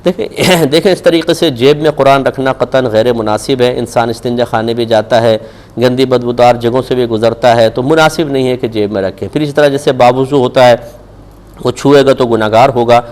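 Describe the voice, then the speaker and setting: His voice is mid-range, steady, and darkish as he takes religious questions on live TV. With a Pakistani Urdu accent, the man speaks in a firm, admonishing way, leaning on rhetorical questions.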